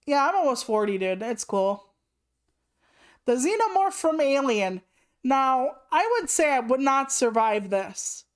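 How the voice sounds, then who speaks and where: A woman's voice: sits high, animated, measured pace. A woman in her late thirties chatting casually on a live stream, rambling through asides and swearing freely. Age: 30s. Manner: rambling asides with many "like" fillers.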